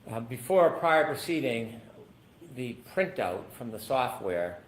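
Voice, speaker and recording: A man with a mid-range voice cross-examines a witness, heard through a courtroom recording with faint background noise. He builds probing questions slowly and often breaks them up with "um.". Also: mid-range voice, big pitch swings, rough recording. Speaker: attorney.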